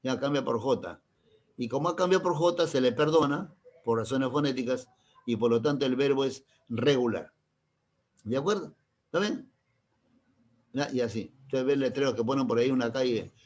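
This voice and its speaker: A man's voice: medium pitch, a little mellow. Man teaching grammar, playful. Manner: constantly checks understanding with quick questions; playful, teasing examples. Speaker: language teacher. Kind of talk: classroom grammar lesson.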